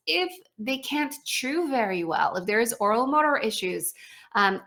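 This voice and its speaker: Speaking with a mid-range, slightly bright voice, a woman from Poland in her thirties gives casual interview answers as a guest. She's a pediatric speech-language pathologist who specializes in feeding, and she talks chattily, laughing readily amid frequent fillers and restarts.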